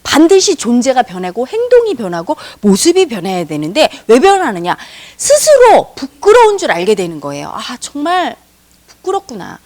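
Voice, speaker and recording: A woman's voice: on the high side, huge pitch swings, moderate pace, few pauses, darkish tone. A middle-aged woman giving a spiritual lecture as a meditation teacher, emphatic, asking rhetorical questions and acting out quotes.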